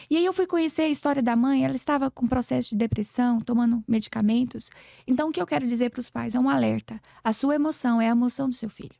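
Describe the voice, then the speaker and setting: A woman's voice: on the high side, gravelly, warm tone, no room sound, studio quality. A Brazilian woman in her forties, an educator and podcast guest, telling stories earnestly and acting out conversations. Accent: Brazilian Portuguese. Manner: earnest, preachy, acts out dialogues. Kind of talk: emotional storytelling interview.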